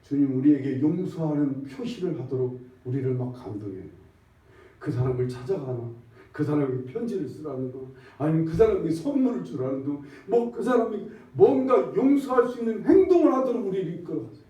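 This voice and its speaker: A man in his sixties, a pastor, preaching in a conversational style that swings from loud emphatic bursts to hushed near-whispers. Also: on the high side, lively intonation, a little fast. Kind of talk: sermon. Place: church sanctuary. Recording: echoey dull church recording from far off.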